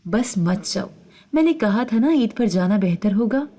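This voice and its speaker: A nervous wife with something to hide pleads in a hushed, mellow voice, read by a woman storyteller. Her delivery is soft and urgent in a storybook reading. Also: medium pitch, lively intonation, natural voice. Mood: pleading.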